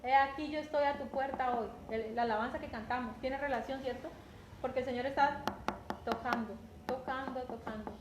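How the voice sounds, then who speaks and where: Predicadora colombiana de voz aguda. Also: female voice, high-pitched, steady tone, moderate pace. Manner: conversational, repeats words, often asks "¿cierto?". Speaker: preacher. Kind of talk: sermon. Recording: echoey room with faint background noise.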